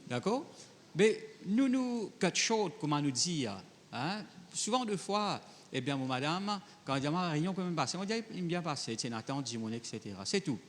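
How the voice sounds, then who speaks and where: A male pastor preaches in a conversational style, mixing French with Creole phrasing as he reads Bible verses and then turns to talk straight to the congregation. His high-leaning voice has big pitch swings at a moderate pace, with a long reverb tail and slight background noise.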